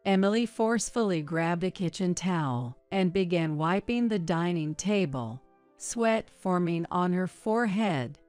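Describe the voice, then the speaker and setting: Slow, smooth-voiced woman narrating. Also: lowish voice, lively intonation, a little mellow, no echo, faint music behind. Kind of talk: scripted story narration.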